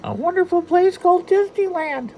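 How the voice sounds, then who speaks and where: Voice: extremely high pitch, normal speed, lo-fi sound, a little hiss or hum, voice pushed up. A storyteller voicing a cheerful, eager male cartoon mouse who talks in a chirpy, enthusiastic way.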